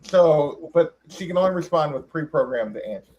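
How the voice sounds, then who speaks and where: Animated, slightly high-voiced man. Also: moderate pace, muffled recording. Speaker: player in a tabletop role-playing game. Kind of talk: casual game chat.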